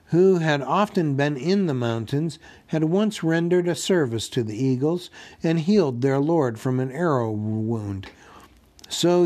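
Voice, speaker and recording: Slow, deliberate male storyteller. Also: medium pitch. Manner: slow, deliberate, gently expressive reading. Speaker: audiobook narrator. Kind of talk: storybook read-aloud narration.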